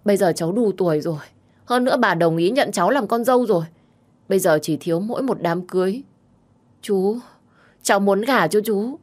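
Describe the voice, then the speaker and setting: A woman's voice: medium pitch, a little fast, darkish tone, voice pushed up, natural voice. A woman voicing a drunk, tearful young woman who is stubborn and clingy, whining and pleading. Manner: whiny, insistent, pleading.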